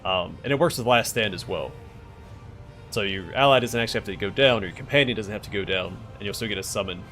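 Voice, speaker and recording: Low-voiced man streaming a game. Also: quick pace, a bit bright, faint music behind. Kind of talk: casual gameplay commentary, answering chat.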